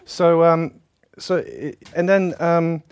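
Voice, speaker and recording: A man's voice: fairly high pitch, slow, clear, resonant tone, no echo. A middle-aged man from South Africa with a South African accent, Polish by birth, preaching informally with a chatty, self-deprecating manner and frequent laughter. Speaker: pastor.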